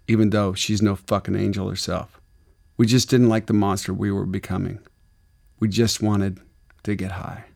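Low-voiced wry male memoir narrator. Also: vocal fry. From Arizona. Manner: wry, deadpan, gritty.

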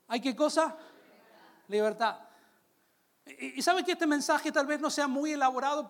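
A Latin American man preaching a sermon, calling out to his congregation and slowing down on key phrases. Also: very high voice, a bit bright. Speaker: pastor.

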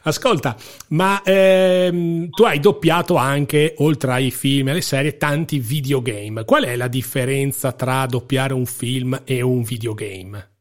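Man, interviewer, casual, quick agreeing interjections, mid pitch. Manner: frequent brief agreeing interjections. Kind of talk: conversational interview.

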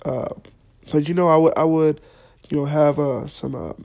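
A man's voice: a little high, steady tone, normal speed, creaky, a little mellow. A man hosting a podcast, delivering a profane, mock-earnest comedic rant. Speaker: podcast host.

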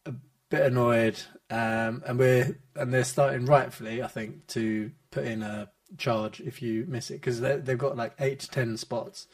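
A man's voice: medium pitch, steady tone, a little slow. A British man chatting casually on a podcast in a hesitant, loosely rambling way. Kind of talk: casual chat.

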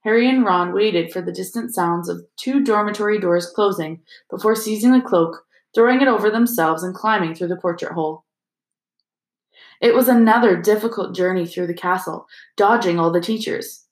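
A woman narrating a fantasy novel as an audiobook, in a steady storytelling manner. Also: medium pitch, moderate pace. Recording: roomy echo.

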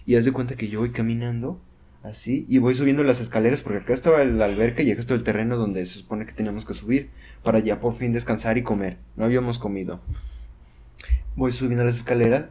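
A young man tells a story in a casual podcast chat, full of sound effects and restarts. His voice is husky and dark, mellow rather than bright, and sits at an ordinary pitch for a man. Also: steady tone, fast talker. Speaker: podcast co-host. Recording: home podcast recording.

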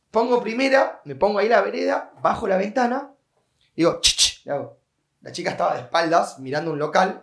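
A young man with an Argentine accent tells a story on a podcast. His voice sits high for a man, and he acts out the sounds and voices in his tale with lively energy. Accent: Argentine Rioplatense Spanish. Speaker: podcast guest. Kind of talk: casual storytelling.

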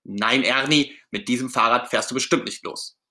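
A man's voice: medium pitch, lively intonation, fairly quick, pushed and bright. A man voicing Bert, a fussy, strict male puppet friend who nags, in a storybook read-aloud. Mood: scolding. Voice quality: stern and nagging.

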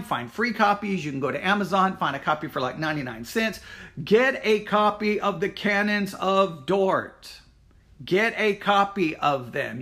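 A Baptist church teacher and podcast host gives an informal spoken announcement and teaches church history. He is emphatic and insistent, often repeating his points. His voice is high with a fairly bright tone.

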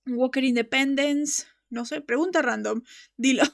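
A woman's voice: sits high, measured pace, creaky. A woman hosting a casual fan show, talking passionately and emphatically and laughing often. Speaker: podcast host.

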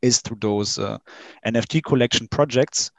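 Man, interview guest, hesitant, many fillers, mid pitch, dry sound. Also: no room sound. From Germany. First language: German. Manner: halting, many fillers and restarts. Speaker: interview guest, game company staff. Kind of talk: casual interview answers.

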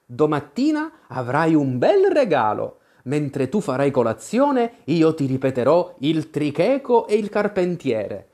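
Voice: medium pitch, very animated, unhurried, few pauses, dark tone. A storyteller voicing an eager, imaginative little girl in an audiobook, talking fondly and with a lilting lift. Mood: chattering fondly.

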